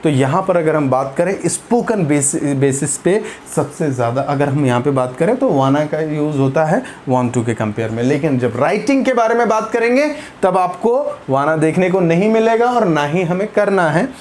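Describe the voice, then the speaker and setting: An English teacher from India runs a spoken grammar lesson at a middle pitch, drilling one example sentence after another. The English phrases come out slow and deliberate, with frequent short words of encouragement between them. A faint noise sits underneath. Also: animated, a little mellow. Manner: repeats "very good" and "ठीक है" as encouragement.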